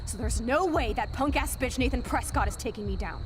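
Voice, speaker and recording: A woman's voice: on the high side, expressive, normal speed, slight background noise, natural voice. A woman playing a brash, defiant, hot-headed young American rebel in a video game drama, blunt and impatient. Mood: defiant, angry.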